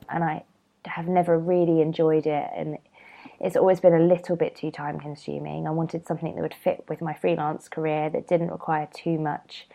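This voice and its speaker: Her voice sits low with a darkish tone as this young British woman rambles through her solo podcast. Stuffed up with a cold, she comes across as nasal, casual, and ready to poke fun at herself.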